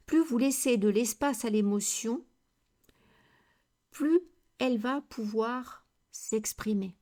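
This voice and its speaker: A woman coach giving a slow, deliberate educational talk on handling conflict, with many rhetorical questions. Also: fairly high pitch, dark tone.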